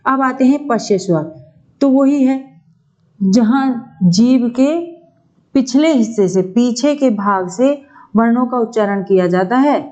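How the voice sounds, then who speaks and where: Woman teacher going slow over a grammar lesson, soft mellow voice, kinda dull lo-fi sound. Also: fairly high pitch. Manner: slow, drawn-out explaining, asks and answers own questions; frequent "theek hai" check-ins. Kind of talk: exam-prep grammar lesson.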